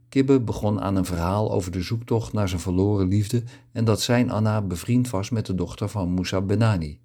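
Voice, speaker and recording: A middle-aged man reading a story aloud in a calm, even narrating voice. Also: lowish voice. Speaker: audiobook narrator. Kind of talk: scripted narration.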